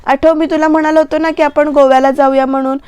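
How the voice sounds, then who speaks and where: A woman voicing a defensive, exasperated young husband, in slow, plain quoted lines. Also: high-pitched, flat delivery, a little mellow, no echo, muffled recording, close to an everyday voice.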